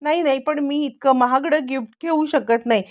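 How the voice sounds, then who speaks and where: A woman's voice: high voice, normal speed, natural voice. A woman voicing a nervous young woman who answers in a flustered, evasive way.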